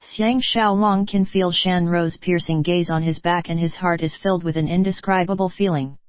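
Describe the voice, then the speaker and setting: A woman's text-to-speech voice narrating a translated novel in a flat, even manner, with odd slips in the reading. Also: fairly low pitch, normal speed, dry recording, lo-fi sound.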